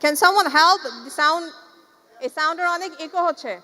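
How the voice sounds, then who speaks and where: A woman trainer running a workshop, asking her audience questions and mixing Bengali with English, her voice booming with heavy echo from the hall sound system. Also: unhurried, sharp tone, slight background noise. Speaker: corporate communication trainer. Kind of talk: interactive training session. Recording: long echoing hall reverb.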